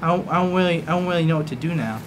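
A man's voice: on the high side, lively intonation, background noise, lightly acted. An actor playing a timid young male journalist with a lisp who stammers and restarts his sentences in a short film. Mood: earnest. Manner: stammering, halting speech. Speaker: temporary office boss. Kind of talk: student short-film acting.

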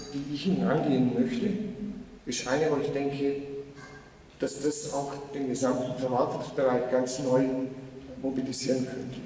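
A man's voice: on the high side, darkish tone, slight background noise. A man giving a conference keynote, speaking earnestly and persuasively and putting rhetorical questions to the audience. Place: large conference hall. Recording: echoey hall, voice from far off.

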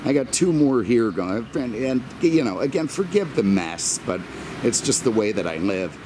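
A middle-aged American car review vlogger gives a rambling, casual walkaround of a car, full of wry, self-deprecating, exasperated humor and mild swearing. His mid-range voice is very animated, at normal speed and a little mellow, with a little hiss or hum in the audio.

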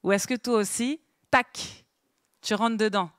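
A woman's voice: on the high side, fairly even intonation, unhurried, no room sound, clean studio sound. A woman giving an interactive Bible lesson to a small group, asking them questions and writing on a board as she goes. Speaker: Bible teacher. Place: meeting room with a small group.

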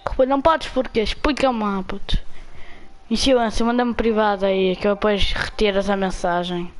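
A young woman with a European Portuguese accent gives live commentary on her own game, taunting other players and swearing in excitable outbursts. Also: medium pitch, moderate pace, rough recording. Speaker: gamer streaming own play.

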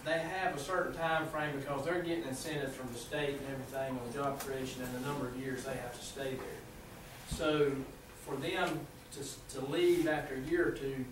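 Speaking with a Southern American accent, this city utility official presents his proposal to the council haltingly, stumbling through fillers and restarts. He has a mid-range voice and fairly even intonation. The sound comes from a distant room camera mic across a small, echoey meeting room, with noise in the background.

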